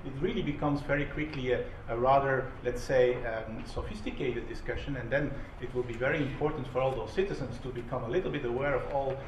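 A man moderating a roundtable discussion in a conference room, measured and academic with small jokes. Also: mid-range voice, steady tone. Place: conference room with a panel on stage. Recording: echoey room, distant mic, audible hum.

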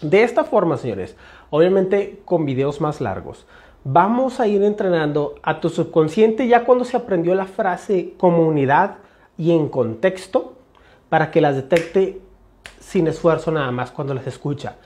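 Un hombre con acento mexicano que enseña inglés y explica fonética con ejemplos repetidos, dirigiéndose a su clase como «señores». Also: male voice, on the high side, lively intonation, a little slow, a little mellow. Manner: explanatory, repeats examples, addresses class as señores. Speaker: English teacher. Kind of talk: phonetics lesson.

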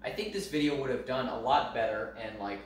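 A man's voice: mid-range voice, fairly quick, a little hiss or hum. A man giving playful, mock-boastful opinions in a casual chat as co-host. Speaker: co-host and cameraman. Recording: very echoey room, far from the mic.

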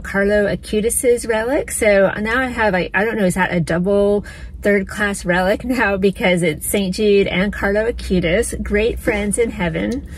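A woman's voice: mid-range voice, slight background noise, poor audio. A middle-aged woman talking casually and eagerly to her phone camera from a parked car, vlogging. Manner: enthusiastic, chatty. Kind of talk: casual travel vlog talk. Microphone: phone at arm's length.

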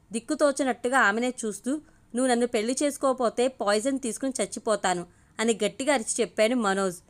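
Woman, storyteller, scripted audio story narration, steady expressive reading, higher pitch.

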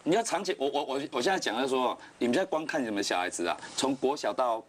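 A man with a Taiwanese Mandarin accent jokes bluntly on a talk show panel. His talk is fast and his pitch swings widely. A faint hiss sits under his voice. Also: expressive. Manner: blunt, joking, lecturing with rhetorical questions. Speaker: panel guest. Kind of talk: lively talk show banter.

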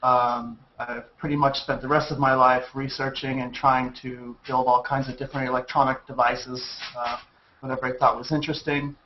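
A male presenter describing his background in a relaxed, plain-spoken way. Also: medium pitch, normal speed. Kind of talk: casual interview answer. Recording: dull lo-fi sound with faint noise.

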